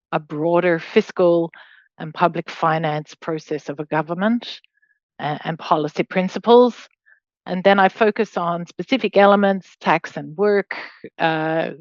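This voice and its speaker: This guest lecturer, a middle-aged law professor from Australia raised in Hong Kong, explains her webinar material in a chatty academic manner, hedging as she goes. Her voice is on the low side, with no room sound and the highs cut off.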